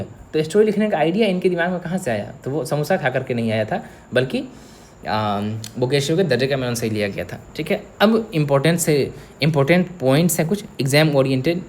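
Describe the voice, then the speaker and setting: A young man of medium pitch teaches an exam-prep literature lecture, with slight background noise. He explains things step by step and checks in often with his students, saying "theek hai."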